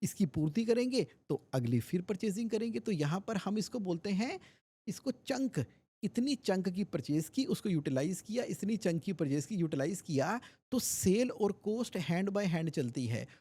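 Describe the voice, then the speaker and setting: A man's voice: high voice, big pitch swings, normal speed, dark tone, slightly rough. A man from India, a finance expert guest on a podcast interview, explaining things animatedly with homely examples and repetition.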